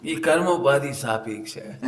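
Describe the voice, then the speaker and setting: A middle-aged man giving a sermon to an audience, telling homely stories and acting out the voices in them, often asking the listeners questions. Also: mid-range voice. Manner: animated storytelling, acts out quoted voices, asks the audience questions. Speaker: Jain scripture teacher.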